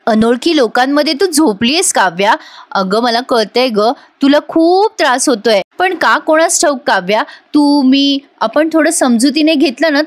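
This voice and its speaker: A woman voicing a young woman from a TV serial tenderly thinking about her younger sister, soft and affectionate. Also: high voice.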